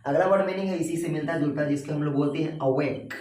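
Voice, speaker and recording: A man teaching English vocabulary in Hindi, spelling words letter by letter and drilling pronunciation in a slow, drawn-out way, often calling his listeners sir. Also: on the high side, darkish tone. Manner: addresses viewers as sir and bhai. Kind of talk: Hindi vocabulary lesson with repeat-after-me drills. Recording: roomy echo, voice from a distance.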